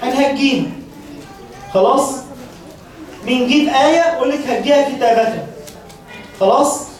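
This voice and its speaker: A woman with an Egyptian accent teaches a Quran class, talking quickly and stopping often to check in with her students. Her voice is high. She is recorded from a distance in a large hall full of echo. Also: a little mellow. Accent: Egyptian Arabic. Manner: brisk, keeps checking in with the class. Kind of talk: classroom lecture. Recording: very echoey hall, distant mic.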